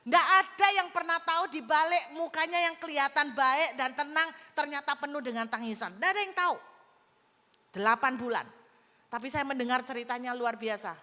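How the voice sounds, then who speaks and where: Woman pastor, sermon, animated storytelling, crisp bright voice. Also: high-pitched, a little fast. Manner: animated storytelling, addresses the congregation directly. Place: large auditorium. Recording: hall reverb.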